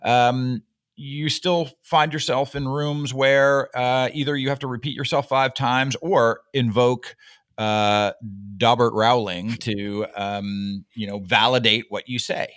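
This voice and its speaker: A man's voice: medium pitch, steady tone, takes it slowly, a bit bright, clear, resonant tone, no echo, studio quality. A man hosting a business podcast, reading a scripted intro and then chatting in a joking, self-deprecating way over a video call from an office. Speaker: podcast host and company founder. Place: office headquarters.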